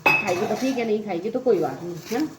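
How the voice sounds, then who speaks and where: Chatty Indian mom in an echoey room. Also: female voice, mid-range voice, quick pace, very noisy. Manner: chatty, rambling, laughs often. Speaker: vlogger and mother. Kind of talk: casual chat while doing housework. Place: home bathroom. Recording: echoey room with faint ambience.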